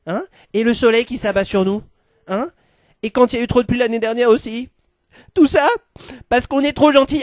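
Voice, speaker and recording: A man's voice: fairly high pitch, dry recording, voice pushed down. A man playing a fanatical male leader who rants and stammers while he whips up a crowd. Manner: ranting, stammering, whipping up a crowd. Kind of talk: comic sketch.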